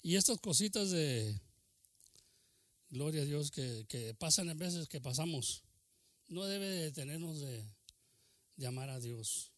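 An older man preaching a bilingual sermon, mixing Spanish and English, with frequent amens and hallelujahs and sudden drops into a soft, low voice. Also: animated, slow, long pauses, no room sound, studio quality. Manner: preaches with exclamations of amen and hallelujah; switches between Spanish and English.

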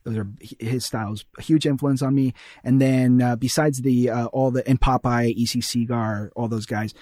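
A man's voice: medium pitch, fairly even intonation, moderate pace, warm tone, no room sound. Man, from Ecuador, young adult, rambling casual chat, dry close sound. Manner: rambling, many fillers and restarts. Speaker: guest, animation artist.

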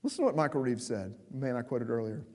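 A man preaching a sermon with passion, stressing words slowly and then rushing through quick asides. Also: mid-range voice, lively intonation, darkish tone. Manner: impassioned, emphatic, swings between slow stresses and quick asides. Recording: long hall reverb.

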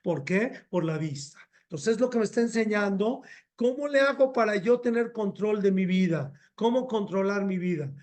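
Middle-aged rabbi, high voice, animated repetitive sermon delivery. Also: male voice, moderate pace. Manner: animated, repetitive, mixes in Hebrew phrases.

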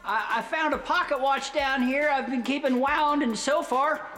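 A woman's voice: high voice, moderate pace, fairly bright tone, faint music behind. A woman voicing an old male ship's mate trapped below deck for decades, speaking hesitantly with stammers. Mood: weary.

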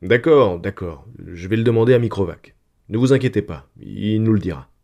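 A man's voice: lowish voice, normal speed, mellow, muffled recording, close to an everyday voice. A man reading a hearty, confident father. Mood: reassuring. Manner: hearty, emphatic reassuring delivery. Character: cheerful, confident father reassuring his family.

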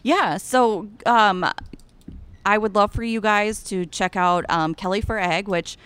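Her lowish voice is clear and resonant, captured in a dry recording. She's a young Iowan with the accent to match, and in a relaxed interview she talks about being a cattle ambassador with bubbly, gushing enthusiasm.

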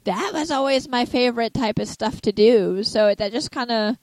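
A woman's voice: a little high, darkish tone, no echo, poor audio. A woman wrestler being interviewed, chatting casually, giggly and saying like a lot. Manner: giggly, quick, says like a lot. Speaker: wrestler guest.

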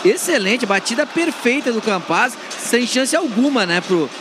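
High-pitched male football pundit. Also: big pitch swings, over music. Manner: halting, keeps tagging phrases for agreement. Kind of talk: unscripted match analysis. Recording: noisy live stadium broadcast.

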